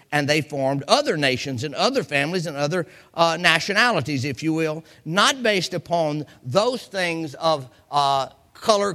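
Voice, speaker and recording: A US man with a high, sharp-toned voice delivers an informal Bible teaching sermon. He's folksy, acting out quotes and examples and repeating phrases to drive each point home.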